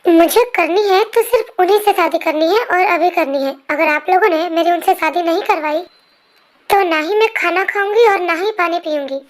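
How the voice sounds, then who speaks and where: Stubborn lovesick girl of twenty in a fan dub, whiny and pleading, real high voice. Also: moderate pace. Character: headstrong twenty-year-old girl in love. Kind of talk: amateur fan dub voice-over.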